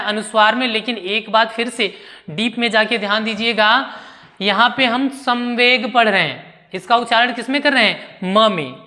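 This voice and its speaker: Bright-voiced male teacher in echoey room. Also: high voice. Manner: asks rhetorical questions and answers them himself; repeats key terms slowly for emphasis. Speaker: Hindi grammar teacher. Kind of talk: classroom lesson explanation.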